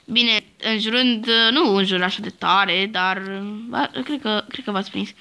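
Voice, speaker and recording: A woman's voice: medium pitch, bright, forceful tone. A young woman hosting a casual Minecraft let's-play, bossy and teasing toward her friend. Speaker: host.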